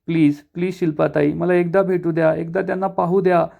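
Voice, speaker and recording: A man's voice: a little high, flat delivery, a little fast, vocal fry, narrow, tinny audio. A man voicing a tearful young wife who begs to see her husband in a retold serial. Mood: pleading. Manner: begging, soft.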